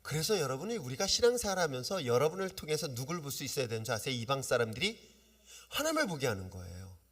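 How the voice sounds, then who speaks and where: A man preaching a sermon as pastor, lively and often asking his congregation questions. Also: medium pitch, quick pace. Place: church sanctuary. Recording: long reverb of a church hall.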